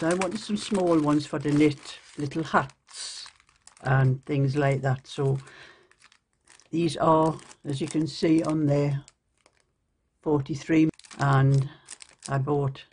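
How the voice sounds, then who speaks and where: A woman's voice: sits low, darkish tone, husky. An older woman with a Geordie accent, chatting casually at her table at home as she shows off a shopping haul and explains it step by step. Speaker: shopping vlogger. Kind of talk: casual show-and-tell. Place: home, at a table at night under a lamp.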